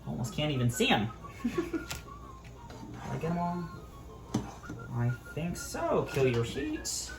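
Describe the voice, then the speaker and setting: A man's voice: on the high side, wildly swooping pitch, slow pace, long pauses, roomy sound, over music. A man hosting a casual cooking demonstration in a kitchen, upbeat and chatty, calling his viewers friends. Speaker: cooking video host.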